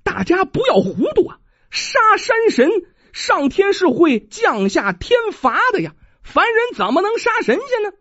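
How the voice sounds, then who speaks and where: A storyteller puts on a decisive young village woman whose voice leaps high and sharp as she calls out. The delivery swings widely and sounds a little husky. The recording is dull and dry. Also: big pitch swings, slow pace, few pauses, no echo, heavily acted. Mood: urgent pleading. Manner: commanding shouts.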